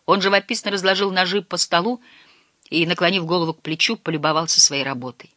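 A reader giving measured, scripted narration of a storybook. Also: medium pitch, steady tone, sharp tone, no echo, clean studio sound. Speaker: audiobook reader.

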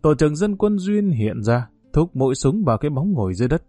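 A man reads a novel aloud in a steady, unhurried way. His voice is dark and mellow. The recording is dry and close, with soft guitar music playing behind him. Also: on the high side, no room sound. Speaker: audiobook narrator. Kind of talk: scripted narration of a novel.

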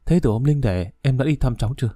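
A male narrator voicing a young man on trial who speaks calmly and gently. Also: mid-range voice, quick pace, dry recording, studio quality, natural voice.

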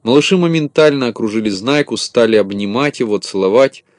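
A man reading a children's tale aloud as narrator, lively and expressive. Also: medium pitch, brisk, dry recording, clean studio sound.

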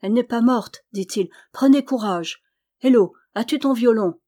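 A brave young man from a storybook, urgent and commanding as he rallies his brothers, as a woman reader puts him on. He speaks out loudly and pushes everyone to act fast. His voice rises with urgency. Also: mid-range voice, natural voice.

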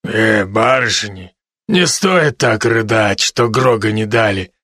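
A woman voicing a gruff, booming, bear-like male giant serving drinks, spoken slow and set back from the mic. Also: fairly bright tone, no echo, clean studio sound, full character voice.

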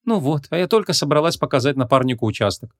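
Guy voicing a bubbly young cop woman, high and playful, audiobook. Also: lively intonation, fast. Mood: lively.

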